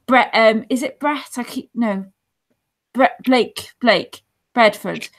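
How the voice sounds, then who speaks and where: This support-show guest has a high-leaning voice and a slow pace. She's on a casual video call from a dim room at home, using an earphone headset, chatting earnestly and rambling, restarting as she tells her stories.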